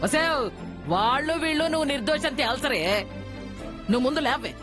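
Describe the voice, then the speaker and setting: A woman's voice: sits high, animated, fairly quick, over music. An older woman playing a stern, vengeful grandmother, scolding and commanding in melodramatic serial style. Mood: angry, commanding. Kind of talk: melodramatic Telugu serial acting.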